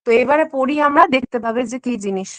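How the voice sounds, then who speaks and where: A woman's voice: sits high, quick pace, fairly bright tone, no room sound, rough recording. A woman teacher giving an online exam-prep lesson, explaining step by step, mixing in English terms and checking in often. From West Bengal.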